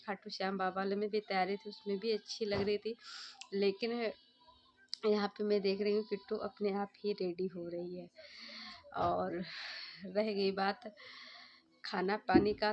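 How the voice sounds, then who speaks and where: A woman vlogger giving casual, opinionated commentary on other vloggers' videos, chatty and repeating her points. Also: mid-range voice. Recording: dull lo-fi sound with faint background hum.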